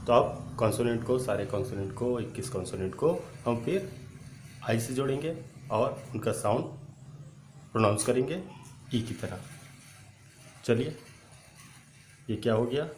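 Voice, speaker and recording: A male spoken English teacher, drilling letter sounds aloud and urging viewers to repeat them loudly. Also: medium pitch, measured pace, pauses often. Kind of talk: online English pronunciation lesson. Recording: echoey room with faint ambient noise.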